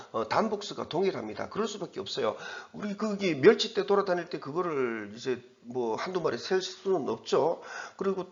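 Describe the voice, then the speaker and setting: A man's voice: fairly high pitch, highs cut off. A man teaching English from an exam passage in a recorded lecture, explaining as he goes and correcting himself with fillers and restarts.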